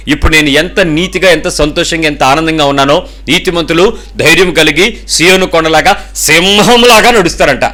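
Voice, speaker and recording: A man preaching a sermon as pastor, animated and acting out the people he quotes in shifting voices. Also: high-pitched.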